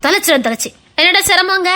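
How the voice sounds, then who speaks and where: A bossy, caring elder sister-in-law, played by a woman with a Tirunelveli accent in a web drama. Her voice sits very high and bright, and the lines come quickly. She scolds in a brisk but motherly way. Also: expressive, full character voice. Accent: Tirunelveli Tamil. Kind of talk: web series acting.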